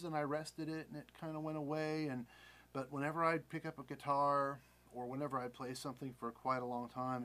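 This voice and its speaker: A man in his forties with an American accent and an average-pitched voice talks casually about his own life. He is candid and rambling, repeating himself and correcting details as he goes. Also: a bit bright. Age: 40s. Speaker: vlogger. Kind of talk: casual personal storytelling.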